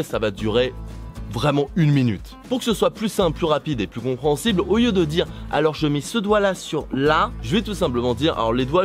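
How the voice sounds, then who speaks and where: A young man talks through a beginner guitar tutorial, recorded outdoors. His voice rises and falls a lot, and he keeps it casual and self-mocking, drifting into rambling asides. A guitar is faintly heard under his voice. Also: mid-range voice. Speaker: YouTuber teaching guitar. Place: outdoors on holiday. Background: guitar playing.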